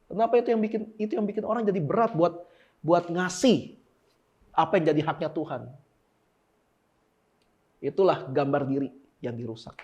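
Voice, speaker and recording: A man preaching a sermon in a lively, casual way, firing off rhetorical questions and slangy asides. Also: fairly high pitch, moderate pace, pauses often, lo-fi sound. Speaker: pastor. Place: church service.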